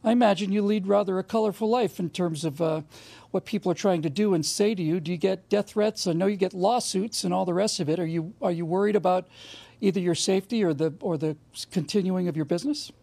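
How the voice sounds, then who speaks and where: Male talk show host, gravelly and mellow, emphatic and conversational. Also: sits high, quick pace. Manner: emphatic, admiring, builds points in long runs. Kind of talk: conversational interview.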